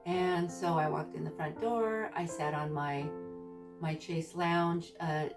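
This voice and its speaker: Woman with a low voice chatting to camera, kinda hesitant storytelling, mic sounds far off, music behind her. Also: fairly even intonation. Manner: halting, hesitant, searching for words. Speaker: vlogger recounting own surgery experience. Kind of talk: casual personal storytelling. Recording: distant mic with background music.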